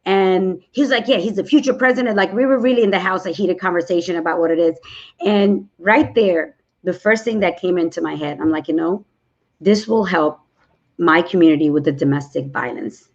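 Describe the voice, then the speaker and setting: A woman in her forties from New York City answers interview questions over a video call. Her voice sits on the low side, and the sound is dull and lo-fi. She talks earnestly and rambles, with many restarts. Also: moderate pace. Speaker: congressional candidate guest.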